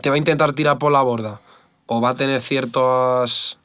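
Man, fighter guest, blunt casual talk, dry close sound, middle pitch. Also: steady tone, normal speed, a bit bright, smooth, no room sound. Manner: candid and blunt, swears often, says "tío" and "¿sabes?" a lot. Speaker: MMA fighter, podcast guest.

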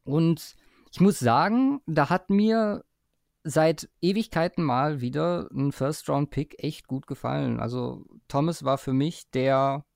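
A man's voice: on the high side, slow, gravelly, a little mellow, no echo, clean studio sound. A man hosting a casual sports podcast, talking with many hesitations and fillers as he leads the conversation. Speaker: podcast host.

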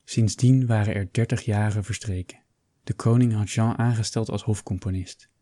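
Male audiobook narrator, low pitch, dark mellow tone, husky, dry close sound. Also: fairly even intonation, moderate pace, dry recording.

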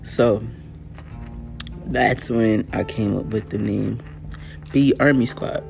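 A man with a low, gravelly voice tells his own story as host of his show. His delivery is earnest and casual, with many fillers and throat clears, and he sounds a little tired. Faint music plays behind him. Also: steady tone, slow pace, darkish tone. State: tired, yawning. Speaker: podcast host.

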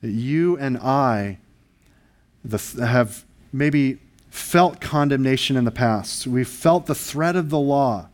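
A man's voice: mid-range voice, slow pace. A male pastor preaching a sermon, earnest and emphatic, asking the congregation rhetorical questions.

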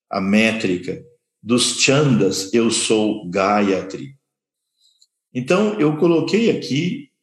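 Slow, deliberate man lecturing in an echoey room. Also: lowish voice. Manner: deliberate, repeats terms and points at slides. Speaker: teacher of scripture study.

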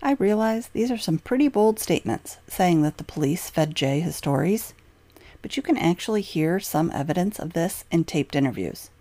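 A woman giving scripted true crime narration in an emphatic, expressive way. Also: fairly low pitch, normal speed, dry recording.

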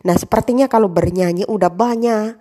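A young woman, talking casually about wanting to become a show host, rambling with many fillers and pauses. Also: mid-range voice, warm tone. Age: young adult. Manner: rambling with many fillers, practicing emcee phrasing. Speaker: aspiring host. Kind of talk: casual monologue.

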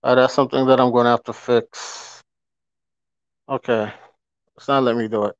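A man's voice: medium pitch, steady tone, moderate pace, clean tone, no room sound. A man hosting a podcast in a casual live-stream rant, emphatic, repeating his points and asking rhetorical questions. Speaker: podcast host. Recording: dry, dull lo-fi audio.

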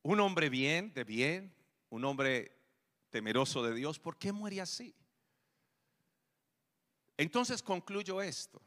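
A man preaches in a bright, high voice that rings through a hall with a long reverb. He takes his time, slowly drawing out phrases, lifting some lines into emphatic calls and letting others sink low. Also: very animated. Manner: preaching with rising emphatic calls and soft drops. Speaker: pastor. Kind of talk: sermon.

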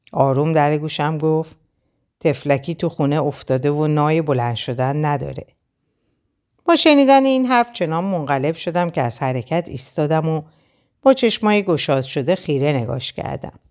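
A woman reads a first-person novel aloud as narrator, telling the story with expression. Her voice is low for a woman, yet her pitch moves widely and keeps the telling animated. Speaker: audiobook narrator.

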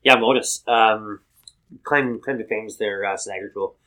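A man's voice: lowish voice, fairly even intonation, pushed and bright, rough recording. A man co-hosting a podcast, talking casually through sponsor mentions with lots of ums and uhs. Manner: halting, many fillers, reads sponsor plugs. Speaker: podcast co-host.

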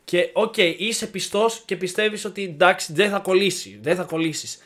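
A young man co-hosting a casual podcast. His voice is fairly high for a man, and he talks in an earnest way, patiently explaining what he thinks. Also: a bit bright. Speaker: podcast co-host. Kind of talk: casual chat.

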